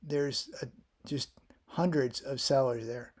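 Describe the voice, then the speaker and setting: A Florida man in his fifties talks through his health and family history in a casual vlog. His medium-pitched voice has a darkish tone and a slow pace. He rambles, frequently restarting sentences and using fillers.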